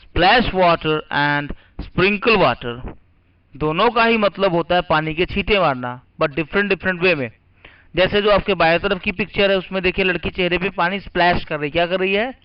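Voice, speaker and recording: A man's voice: high voice, a little fast, smooth. A man teaching English vocabulary, spelling words letter by letter and asking and answering his own questions. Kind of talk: vocabulary lesson. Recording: muffled lo-fi recording.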